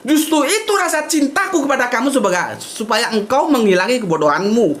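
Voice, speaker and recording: A man's voice: very high voice, lively intonation, a little fast, fairly bright tone, a little hiss or hum. A man giving a blunt, outspoken casual talk to an audience, often tagging sentences with "gitu loh". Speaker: invited speaker at a religious discussion.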